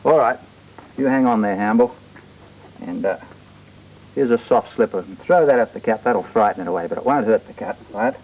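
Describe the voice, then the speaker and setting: A man's voice: on the low side, distant mic, slight background noise, rough recording. A middle-aged man with an Australian accent, presenting a children's TV show and patiently explaining things to young viewers in a 1980s studio recording. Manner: slow, lively, patient, child-directed.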